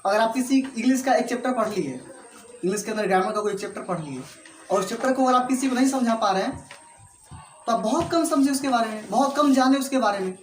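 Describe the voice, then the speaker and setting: A man's voice: extremely high pitch, fast, a little hiss or hum. Man teaching English in an echoey classroom. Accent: Indian English. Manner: repetitive, checks understanding often.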